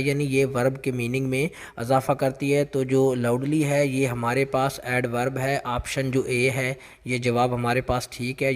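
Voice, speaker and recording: Flat-voiced man explaining exam English. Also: medium pitch, in a large hall. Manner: repetitive, reads English examples slowly. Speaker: test prep teacher.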